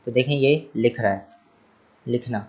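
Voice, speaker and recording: A man's voice: medium pitch, a little slow, darkish tone, slightly rough, highs cut off. A male teacher explaining English action words to children. He spells each word letter by letter, then repeats it, translates it and asks the class rhetorical questions.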